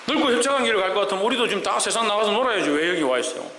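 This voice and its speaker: A male pastor preaching emphatically, firing rhetorical questions and swinging between loud and soft. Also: high voice, lively intonation, racing, roomy sound, in a large hall, a little hiss or hum, low-quality recording. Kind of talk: sermon. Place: church sanctuary.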